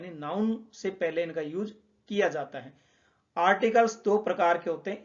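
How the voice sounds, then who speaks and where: Man teaching grammar, lo-fi sound. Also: high voice. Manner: explains step by step, repeats points. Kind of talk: classroom explanation. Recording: dull lo-fi sound.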